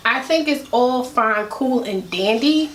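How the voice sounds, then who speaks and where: A woman's voice: on the high side, expressive, slow, a bit bright, slight background noise. Chatty woman vlogger in an echoey room. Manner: chatty, opinionated, rambling asides. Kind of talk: casual commentary to camera.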